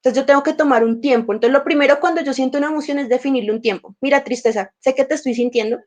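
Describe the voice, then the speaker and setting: A woman's voice: sits high, racing, darkish tone. A woman leading an emotional intelligence workshop, talking conversationally and acting out inner dialogues with her emotions, her throat a little sore. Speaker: workshop teacher.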